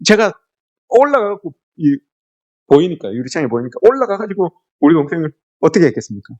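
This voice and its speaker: Speaking fast in a somewhat high, darkish, very animated voice, a middle-aged pastor gives a family worship sermon. His style is storytelling with many questions to the congregation, and he dramatizes quoted lines loudly.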